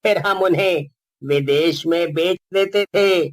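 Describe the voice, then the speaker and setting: A man's voice: high-pitched, slow. A man voicing a menacing male ghost who steals children, gloating and threatening in a cartoon story. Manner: gloating, threatening, mocking laughter. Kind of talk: cartoon voice acting.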